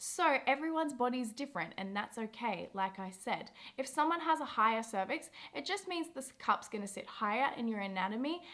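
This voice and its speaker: A woman's voice: on the high side, animated, fairly quick, few pauses, fairly bright tone. A young woman hosting a casual review vlog, chatty and encouraging, with frequent "like" fillers. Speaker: women's health video host.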